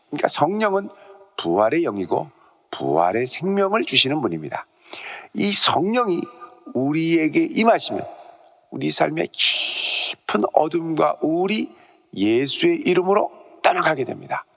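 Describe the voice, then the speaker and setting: A middle-aged male pastor preaching a dawn sermon. He tells a story with lively emphasis and often drops to a hushed, near-whispered delivery. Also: on the high side, vocal fry. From South Korea.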